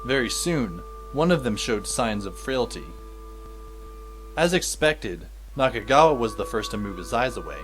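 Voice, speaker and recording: In a fan audio drama, the male narrator and lead actor portrays a wry, exasperated teenage schoolboy, narrating his own story in scripted first person with a dry, sardonic edge. His medium-pitched voice sounds natural and moves through big pitch swings at normal speed. Music plays in the background.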